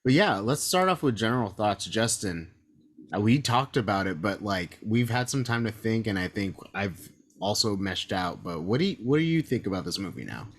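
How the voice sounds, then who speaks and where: A man's voice: fairly low pitch, lively intonation, normal speed. A man co-hosting a casual movie podcast, easygoing as he leads the questions. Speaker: podcast co-host, producer. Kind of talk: casual panel chat.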